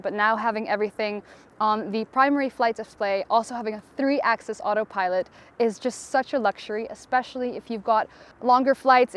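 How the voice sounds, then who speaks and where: Woman pilot from Tanzania, smooth clear voice, eager testimonial delivery with small restarts. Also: medium pitch. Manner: enthusiastic, with a few fillers and restarts. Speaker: helicopter pilot. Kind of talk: promotional testimonial.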